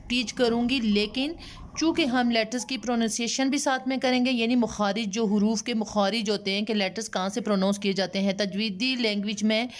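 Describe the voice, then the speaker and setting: Higher-voiced woman teaching recitation patiently. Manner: patient, repeats sounds slowly, mixes English terms; slow drawn-out chanting for letters and prayers. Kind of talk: tajweed lesson, explaining letter pronunciation.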